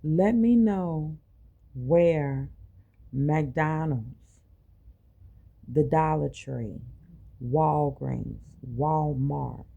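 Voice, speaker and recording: A woman's voice: deep voice, vocal fry, dark tone, dull audio. A woman delivering an impassioned personal monologue in colloquial, informal phrasing, emphatic and full of rhetorical questions. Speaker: medical clinic worker.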